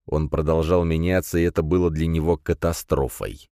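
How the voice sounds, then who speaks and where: Male audiobook narrator, low and dry, even measured reading. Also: no echo. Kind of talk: scripted fiction narration.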